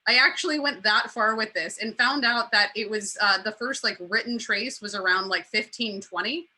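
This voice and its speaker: Female host, very bright tone, chatty panel talk with fillers. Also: medium pitch, poor audio. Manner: chatty, quick, with frequent fillers. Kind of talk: casual panel discussion.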